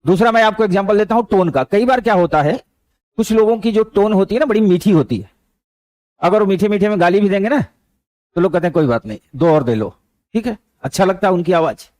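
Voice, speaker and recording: A man's voice: high voice, fast, darkish tone, no echo. A man teaching a motivational lesson, speaking conversationally and weaving in anecdotes and stray English words. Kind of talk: motivational lecture with storytelling.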